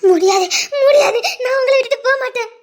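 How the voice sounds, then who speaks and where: A woman's voice: very high-pitched, moderate pace. A woman playing a sobbing lovesick young woman. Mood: sobbing, begging. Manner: sobbing, begging, repeating herself. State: crying. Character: heartbroken young woman clinging to her departing lover. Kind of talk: Tamil web drama voice acting.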